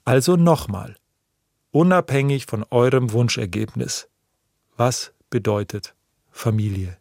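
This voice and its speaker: A man narrates his podcast from a studio, and the sound is close and dry. He talks directly to the listeners in a relaxed, chatty tone. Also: medium pitch, a little slow, creaky, dry recording. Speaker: podcast host. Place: recording studio.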